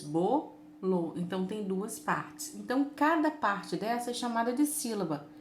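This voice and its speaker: A woman teacher talks children through a lesson in an unhurried, patient way, stretching each word. Her voice sits at a middle pitch. The room is echoey, with a faint hiss of noise behind her. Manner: slow, patient, drawn-out words.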